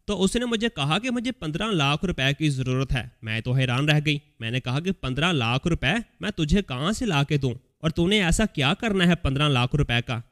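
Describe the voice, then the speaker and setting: A man reading a scripted story aloud as a voice-over, telling it in the first person as an elderly mother in a steady storytelling manner. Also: fairly high pitch, hardly any pauses. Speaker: story narrator. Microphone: voice-over recording.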